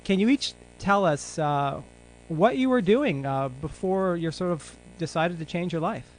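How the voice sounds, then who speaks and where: A man hosting an interview, asking measured, friendly questions. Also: fairly high pitch, expressive, slight background noise, poor audio. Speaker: host.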